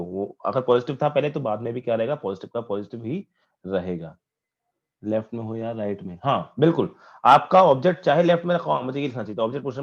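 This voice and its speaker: A man's voice: mid-range voice, dull audio. A man teaching a physics class online, asking questions and answering them himself and repeating key points for emphasis. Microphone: video call.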